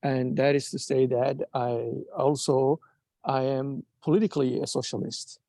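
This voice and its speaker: A man from Somalia speaking up at a community meeting, earnest and halting with many restarts. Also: mid-range voice, fairly even intonation, warm tone, dry recording. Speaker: audience member. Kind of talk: casual remarks at a meeting.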